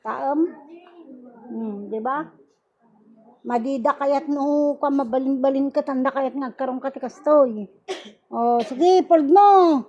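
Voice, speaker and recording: A woman's voice: high-pitched, slow pace, long pauses, mellow, muffled recording. A woman leading a healing ritual, praying and issuing rhythmic, commanding calls. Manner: commanding, rhythmic, chanting exclamations. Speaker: faith healer. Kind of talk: spoken prayer and healing ritual.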